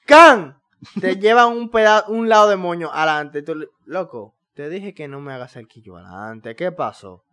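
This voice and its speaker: A man with a fairly high voice and a Dominican Spanish accent jokes around with his co-host. He talks in laid-back slang on a casual podcast. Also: animated, moderate pace, sharp tone. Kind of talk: casual chat.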